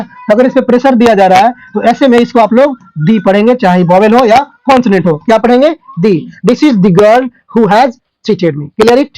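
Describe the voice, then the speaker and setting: A man with a Hindi accent teaching English grammar in a classroom style. He keeps asking questions and answering them himself, and he says his English example sentences slowly. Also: very high voice, a little mellow, no echo, low-quality recording.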